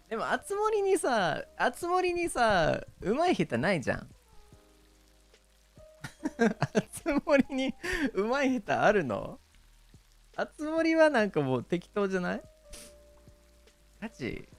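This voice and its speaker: Man, Kansai Japanese accent, casual stream chat, very animated pitch, hesitant with many fillers, frequent laughs, faint background music.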